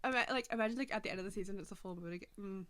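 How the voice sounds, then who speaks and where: A woman's voice: mid-range voice, very fast, a bit bright. A woman co-hosting a podcast in casual chat, gushing and laughing often. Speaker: podcast co-host.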